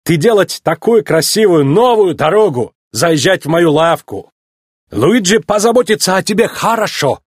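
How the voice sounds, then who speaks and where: An eager tyre seller, as a man puts him on, pushing his wares in broken grammar. The husky voice climbs high and bounces. Dry, close storybook recording. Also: expressive, normal speed, dry recording. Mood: eager salesman. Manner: broken grammar, pushy salesman. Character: eager male tyre-shop car, Italian.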